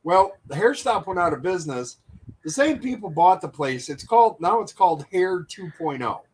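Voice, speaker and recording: Guy with a slightly high voice cracking jokes and swearing, loose podcast banter. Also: very animated, normal speed, slightly rough, rough recording. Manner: profane, joking and teasing. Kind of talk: casual banter.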